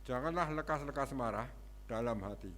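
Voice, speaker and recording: A man from the congregation reading a Bible verse aloud in a slow, measured way during a sermon. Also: mid-range voice, fairly bright tone, slight background noise. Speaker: congregation member reading scripture.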